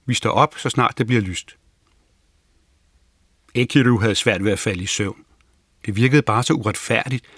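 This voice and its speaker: A man narrating a children's storybook aloud in a calm storytelling manner, lifting his voice for the characters' lines. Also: on the low side, no room sound, clean studio sound. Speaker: audiobook narrator.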